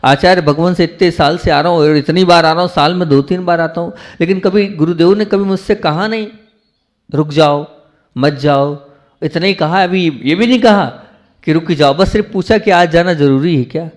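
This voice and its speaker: A man's voice: a little high, normal speed, pitched above the performer's own voice, natural voice. A man voicing an earnest middle-aged male devotee inside a sermon story, speaking in a raised, pleading tone. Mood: amazed.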